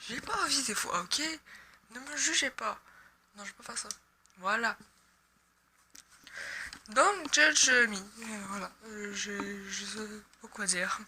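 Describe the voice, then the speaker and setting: A young woman with a Québécois French accent chats and jokes over her gameplay as a gaming YouTuber, swearing when she misses. Her voice is medium-pitched and measured in pace, with a crowd audible in the background.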